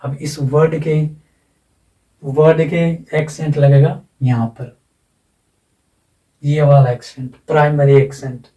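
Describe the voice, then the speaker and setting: A man teaching English phonetics in a slow classroom lecture, repeating words and checking that students follow. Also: fairly high pitch, mellow. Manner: explains slowly with repetition and asides. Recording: echoey room, from far off.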